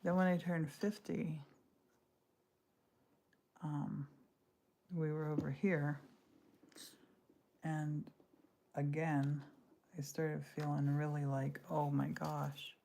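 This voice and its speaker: A woman's voice: deep voice, level tone, slow pace, gravelly, long pauses, mellow, slight background noise. A woman in her sixties chatting casually and rambling while crafting during a livestream from her home studio. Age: 60s. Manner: chatty, rambling, self-interrupting. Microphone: livestream device mic.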